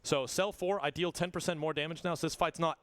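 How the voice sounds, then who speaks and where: A man giving casual, excited live commentary while speedrunning a game. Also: a little high, background noise. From not Australian. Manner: casual, excited, talks fast between game moments. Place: live event stage. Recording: game music playing behind.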